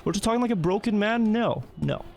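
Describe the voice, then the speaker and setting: A man's voice: high voice, lively intonation, fast talker, a little mellow, dull audio, slight background noise. A man hosting a live gaming stream, chatting casually and often repeating words as he talks. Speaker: streamer host.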